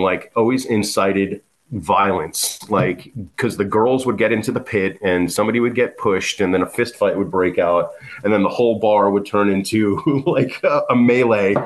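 A man, a guest musician telling stories in a casual interview, rambling with many fillers and restarts. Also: sits low. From South Florida.

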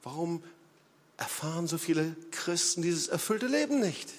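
A man's voice: on the high side, animated, moderate pace. Emphatic preacher man in a reverberant hall. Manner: emphatic preaching with big swings in loudness; frequent hesitation fillers. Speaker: pastor. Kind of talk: sermon.

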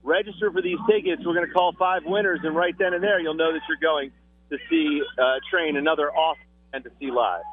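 A radio morning show host phoning in from an outdoor concert, chatting in an upbeat, joking way over a phone line that cuts out. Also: male voice, fairly high pitch, steady tone, fairly quick, a little hiss or hum. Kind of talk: casual on-air chat. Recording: dry, tinny phone line.

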